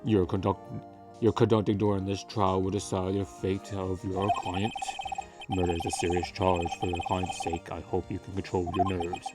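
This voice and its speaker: A man's voice: low voice, level tone, moderate pace, lightly acted. A man voicing a stern, formal judge for a video game, with stilted amateur bad acting. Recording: loud music under voice.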